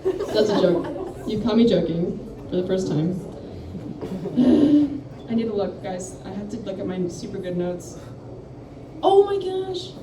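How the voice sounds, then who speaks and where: A woman's voice: medium pitch, sing-song, measured pace, pauses often. A young woman doing a rambling, self-deprecating stand-up set into a handheld mic at a campus coffeehouse. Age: young adult. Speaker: stand-up comedian. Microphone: handheld microphone. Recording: echoey room mic from far off, noisy.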